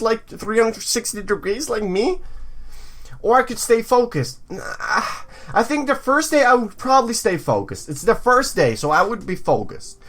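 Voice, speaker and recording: A man with a very high, fairly bright voice hosts a let's play, reading visual novel text aloud amid playful game commentary. He's jokey, tossing in asides and stumbling over words, which he repeats for effect.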